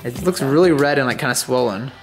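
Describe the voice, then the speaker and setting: Low-voiced fast-talking vlogger. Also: female voice, soft background music. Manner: quick, chatty, filler-heavy. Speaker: vlogger, co-host. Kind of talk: casual family vlog chat. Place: home at night.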